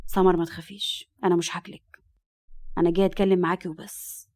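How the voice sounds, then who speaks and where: A woman's voice: fairly low pitch, little pitch movement, quick pace, darkish tone, natural voice. A woman with an Egyptian accent voicing a smug, arrogant rich man in his thirties who talks in a cold, condescending, slyly polite way. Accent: Egyptian Arabic.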